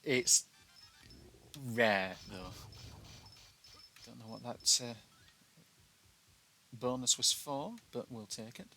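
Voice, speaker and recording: A man's voice: medium pitch, slow, gravelly, pauses often, bright, forceful tone. A British man with glottal stops in place of his T's gives casual gameplay commentary in a chatty, self-deprecating way. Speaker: video game player giving a walkthrough. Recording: noticeable background noise.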